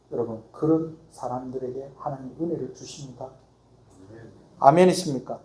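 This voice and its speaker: A man's voice: a little high, mellow. A middle-aged man preaching a Sunday sermon as pastor, emphatic, acting out little dialogues. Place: church sanctuary. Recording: echoey church hall.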